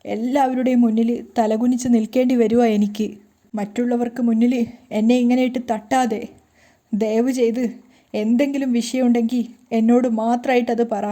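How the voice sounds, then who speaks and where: Upset young wife raising her voice at her husband, low dark tone, woman reading her lines. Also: steady tone, normal speed, natural voice. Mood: tearful pleading. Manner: loud, reproachful, pleading. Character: hurt young wife confronting her hot-tempered husband.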